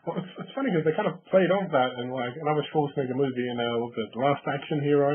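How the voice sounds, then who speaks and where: A man's voice: mid-range voice, racing, a little hiss or hum. A man from Russia co-hosting a podcast, telling rambling stories in casual chat with chuckles. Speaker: podcast co-host. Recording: tinny phone-like line.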